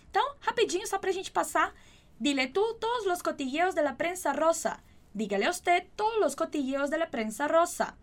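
A high-voiced woman teaches an online Spanish lesson. She explains patiently and repeats each word slowly and clearly.

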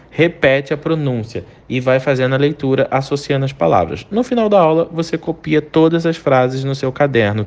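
A man teaching an English lesson in Portuguese, lively and chatty, repeating each English phrase slowly for the student to copy. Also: medium pitch.

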